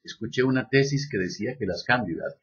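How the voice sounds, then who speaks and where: A man giving a lecture, reading a text aloud at an even pace and adding slow joking asides. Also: medium pitch, breathy edge, lo-fi sound. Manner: reads steadily, then drops in slow joking asides. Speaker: lecturer on biodecoding.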